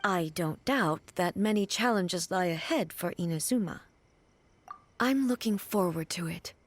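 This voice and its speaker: A woman voicing a composed, regal goddess ruler in a video game, speaking in a formal, measured, dignified way. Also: lowish voice, animated, slight background noise. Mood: calm regal.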